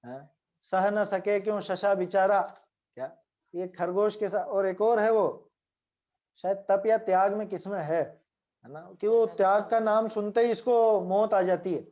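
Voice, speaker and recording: A man's voice: high voice, warm tone, dull audio. A man giving a religious scripture lecture. He explains at length and keeps checking in with his listeners through short tag questions. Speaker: scripture teacher.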